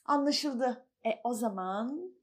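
A woman voicing a kind, music-loving old male donkey in a children's storybook, with a bright, excited manner. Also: a little high, slow. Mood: cheerful.

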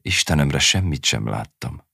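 A man voicing an exhausted, gaunt young holy man in an audiobook story, quiet and reluctant. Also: a bass voice, animated, vocal fry, breathy edge, no room sound, clean studio sound, heavily acted. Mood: weary.

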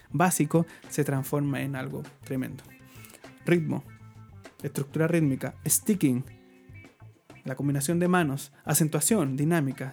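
A man's voice: a little high, mellow. A man teaching drum rudiments, explaining patiently and checking in with his viewers. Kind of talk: online drum lesson.

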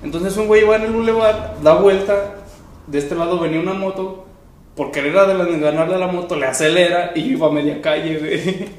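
A man's voice: sits high, steady tone, a little fast, roomy sound. Slangy Mexican guy telling stories. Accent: Mexican Spanish. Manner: slangy storytelling, laughs often, acts out quotes. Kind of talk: casual podcast chat.

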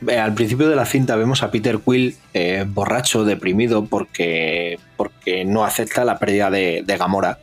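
A man, co-hosting a casual film review podcast, retelling scenes with animated bits of dialogue. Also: moderate pace, few pauses, faint music behind. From Spain. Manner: animated, acts out film dialogue in raised pitch. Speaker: podcast co-host.

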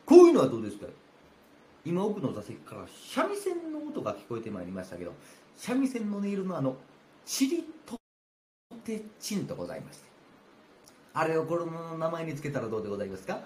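A man's voice: fairly high pitch, huge pitch swings, fast, darkish tone, a little hiss or hum. Man doing a fawning Kansai servant. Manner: obsequious, polite. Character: fawning male servant, eager flatterer. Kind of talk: rakugo storytelling. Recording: roomy with faint ambience.

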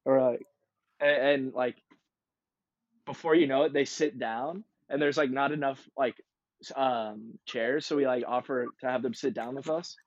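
A young man hosts a casual podcast chat, tossing out laid-back slang and jokes. His voice sits at an ordinary pitch. The recording is dry and a little dull, with the edges of the sound rolled off. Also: steady tone, moderate pace, no room sound. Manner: laid-back, jokey, surfer-style slang. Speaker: podcast host.

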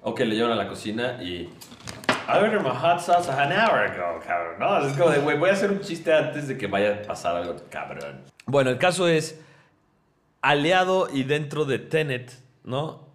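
A man's voice: mid-range voice, normal speed. Easygoing Mexican man recapping a film. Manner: relaxed, swears casually, recaps the plot. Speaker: podcast co-host. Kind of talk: casual film chat.

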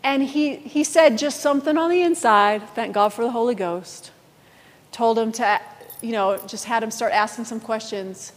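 A woman pastor preaching a sermon, telling a story in a lively storytelling manner. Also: fairly high pitch, moderate pace, big-room sound.

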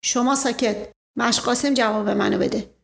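Woman playing a pushy storybook police inspector, barking orders, impatient and suspicious, demanding answers fast, a bit higher voiced. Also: steady tone, creaky. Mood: bullying. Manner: barks orders and repeats "quick, quick".

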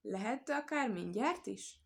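A woman voicing a clever, quick-witted little male hare in a storybook tale, talking in a lively, playful way. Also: fairly high pitch, gravelly. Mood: eager.

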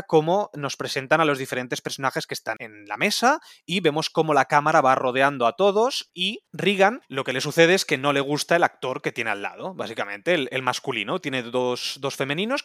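A man's voice: medium pitch, fairly bright tone, dry recording, clean studio sound. A man hosting a casual podcast, talking through a film scene by scene and steering the talk along with enthusiasm. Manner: guides the talk forward, enthusiastic. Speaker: podcast host.

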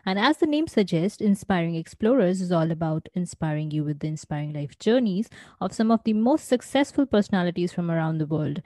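A woman's voice: on the low side, lively intonation, fairly quick, hardly any pauses, a little mellow, no echo. A woman hosting a podcast, reading an upbeat scripted intro and then chatting with her guest. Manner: upbeat and promotional, with "uh" fillers when unscripted. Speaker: podcast host.

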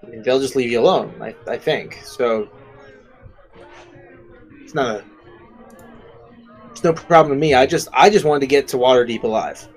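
A man puts on a jittery male informant in a tabletop role-play, stumbling over his words as he pleads to be spared. The voice sits at an ordinary middle pitch, and faint music plays underneath. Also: moderate pace, pauses often, lightly acted. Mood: nervous. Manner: stammering, anxious, pleading. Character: nervous captured male informant, eager to please.

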